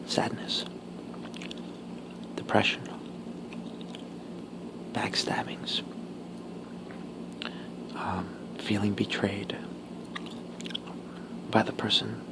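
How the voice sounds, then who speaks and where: Slow, whispering man chewing gum, creaky. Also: on the low side, flat delivery, low-quality recording. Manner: chewing gum while talking; halting, pausing between short phrases. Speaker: ASMR video creator. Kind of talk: whispered ASMR casual talk.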